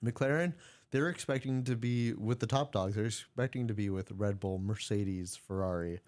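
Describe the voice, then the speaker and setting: A man's voice: lowish voice, moderate pace, darkish tone. A man co-hosting a casual sports podcast, joking and laughing as he rambles. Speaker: podcast co-host. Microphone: studio mic.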